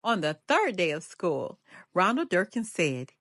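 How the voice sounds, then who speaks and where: An older woman with a fairly low voice reads a children's picture book aloud like a storyteller, animated and deliberate, drawing out the refrains. The studio sound is clean, with no room noise.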